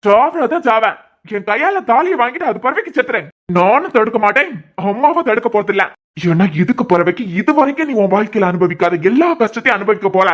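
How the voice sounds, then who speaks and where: A cartoon villain, a jealous young man who hisses threats and taunts, voiced by a woman. The Kanyakumari Tamil accent comes through in quick, lively lines that rise and fall a lot. The voice sits a little high for a man. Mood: menacing. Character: menacing young man, vengeful jealous suitor. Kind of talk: cartoon series dubbing.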